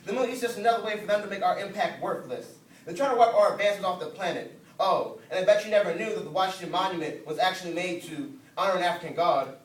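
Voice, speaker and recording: A man with a high-pitched, fast voice performs slam poetry as a spoken word poet, his delivery rhythmic, rhyming and emphatic. The mic is distant, and the audio is roomy with faint noise.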